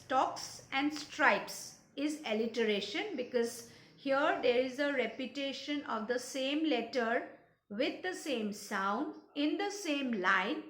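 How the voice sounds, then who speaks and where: A woman's voice: on the high side, a bit bright, reverberant. A woman teacher patiently explaining a poem's literary devices, spelling out words letter by letter and repeating her points. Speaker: English teacher.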